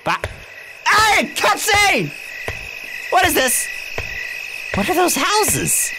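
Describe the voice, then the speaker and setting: A woman commentating a game she plays, loud and excitable, often shouting her reactions. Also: very high voice, very slow, background noise. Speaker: gaming YouTuber. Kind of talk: excited let's-play commentary. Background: loud game music.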